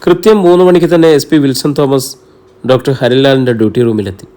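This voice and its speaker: A man narrating a serialized novel in a steady storytelling voice. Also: mid-range voice, a little fast. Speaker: audiobook narrator. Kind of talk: novel reading.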